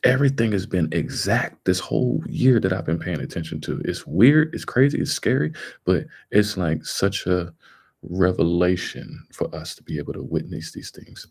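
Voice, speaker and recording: A man's voice: low voice, big pitch swings, moderate pace, creaky, darkish tone, breathy edge. A man giving casual, emphatic live commentary in colloquial, repetitive phrasing. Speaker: livestream host commenting on a video.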